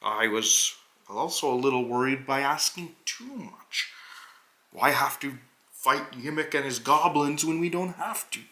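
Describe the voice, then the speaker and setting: Man playing a noble hobgoblin adventurer, forceful bright tone, very slow halting delivery, earnest tabletop tale-telling. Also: medium pitch. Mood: mildly defensive. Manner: deliberate, halting phrasing with dramatic pauses. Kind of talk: in-character narration of a tabletop adventure.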